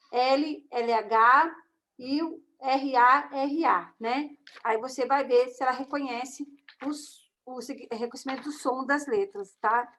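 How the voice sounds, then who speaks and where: Brief: high-pitched Brazilian woman, casual teacher explaining a test over slides, keeps asking the class "right?". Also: sharp tone, a little hiss or hum. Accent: Brazilian Portuguese. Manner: conversational, with frequent tag questions to the class. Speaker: teacher of a course on reading and writing assessment. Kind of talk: online lecture walking through slides.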